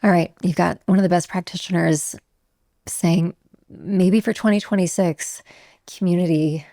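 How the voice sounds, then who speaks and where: Low, gravelly woman hosting an interview. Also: steady tone, normal speed, warm tone, no room sound, studio quality. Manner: affirming, asks long questions. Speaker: podcast host. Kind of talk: interview questions.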